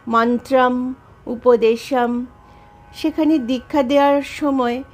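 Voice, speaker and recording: A woman reads a devotional book aloud in a slow, careful storytelling voice. Her tone is slightly high and reverent. Soft devotional music plays faintly behind her.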